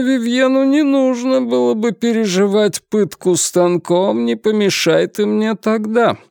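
A man's voice: high voice, gravelly, darkish tone, clean tone, dry recording, clean studio sound, voice pushed up, full character voice. A man voicing a stern, cold male inquisitor who interrogates a prisoner.

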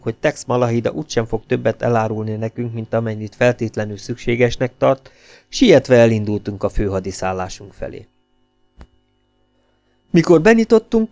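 Gravelly male audiobook narrator. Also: medium pitch, no room sound. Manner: steady storytelling narration. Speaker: audiobook reader.

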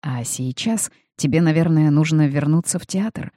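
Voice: medium pitch, normal speed, warm tone, no room sound, studio quality, lightly acted. A reader voicing a tender, teasing young prince.

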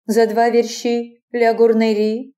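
Woman doing a naive young guy asking questions, soft mellow voice, audiobook. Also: fairly high pitch, monotone, measured pace, lightly acted. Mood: curious. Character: young man, naive and puzzled lover.

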